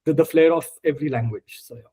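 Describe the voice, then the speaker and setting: Husky and warm, this slightly high male voice moves at a quick pace. The speaker, an Indian man with an Indian accent and Marathi as his native tongue, walks a scripture study group through the text word by word in a casual, question-friendly lesson.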